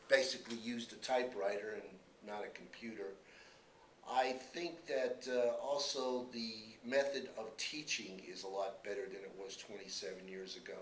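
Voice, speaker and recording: A man in his fifties with a fairly low voice gives interview answers for a student newscast. He is earnest and halting, often repeating himself. The room is echoey, with faint noise behind him. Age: 50s. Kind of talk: student-made news interview. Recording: roomy echo, faint background noise.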